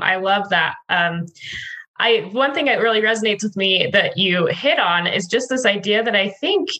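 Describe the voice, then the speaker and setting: Bright, upbeat woman podcast host. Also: mid-range voice, rough recording. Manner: upbeat, enthusiastic, eager. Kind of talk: casual podcast interview.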